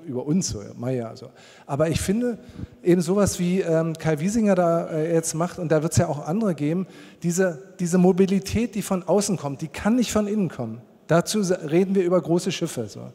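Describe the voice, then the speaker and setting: A man's voice: on the high side, warm tone. A man in his forties, a producer on a panel, talking bluntly and rambling with many restarts into a handheld mic on a convention stage. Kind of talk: panel discussion. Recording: long hall reverb.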